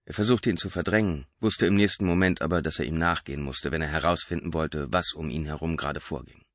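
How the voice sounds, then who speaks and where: A man narrating an audiobook in a tense, expressive reading. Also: very deep voice, quick pace, no echo. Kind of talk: scripted narration.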